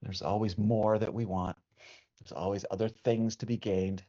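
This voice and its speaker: A man with a fairly low, warm, steady voice leads a meditation in a soothing, unhurried way, like a teacher guiding breathing practice. He leaves long pauses between phrases. The recording sounds dull, muffled and lo-fi.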